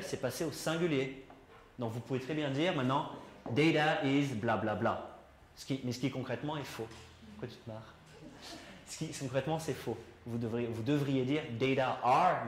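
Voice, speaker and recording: A male English teacher talks his class through a lesson, explaining at length and tossing questions out to the students. The recording carries a roomy classroom echo with a faint hum of background noise. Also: mid-range voice.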